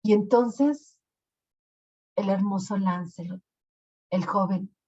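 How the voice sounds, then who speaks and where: Woman storyteller, unhurried and expressive, dull lo-fi sound. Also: medium pitch. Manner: slow, expressive. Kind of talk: storytelling narration. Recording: lo-fi recording.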